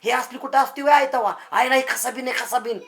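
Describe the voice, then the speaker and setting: A man's voice: very high-pitched, fast, fairly bright tone. An actor playing a brash lovesick young village man, boastful and full of rustic banter. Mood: sweet-talking. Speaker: lovesick suitor. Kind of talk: village comedy acting.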